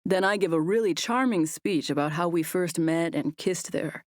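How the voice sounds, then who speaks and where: A woman voicing a tender, playful young man in love, speaking gently and earnestly. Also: lowish voice, normal speed, no echo, studio quality, natural voice.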